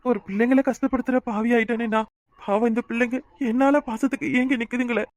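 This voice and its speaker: A remorseful cartoon father, voiced by a man, pleads with his family. His voice sits very high and runs fast, and the sound is dry and close with no room around it. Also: fairly even intonation, no room sound. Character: grieving young father, guilt-ridden and pleading. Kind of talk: cartoon voice acting.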